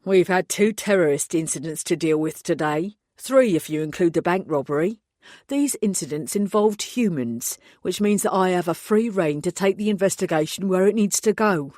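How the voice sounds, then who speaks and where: A woman's voice: fairly low pitch, moderate pace, darkish tone, no echo, studio quality, close to an everyday voice. A woman narrator voicing a condescending, brusque male police inspector in an audiobook. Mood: dismissive.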